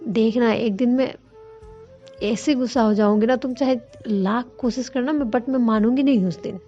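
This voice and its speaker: A woman's voice: on the high side, normal speed, warm tone, highs cut off, faint music behind, lightly acted. A woman voicing a young woman who is a curt, teasing, sulky girlfriend. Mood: scolding.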